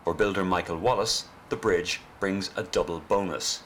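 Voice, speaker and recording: Low-voiced documentary narrator, a man. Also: moderate pace, fairly bright tone. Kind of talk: scripted narration. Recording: clear background noise.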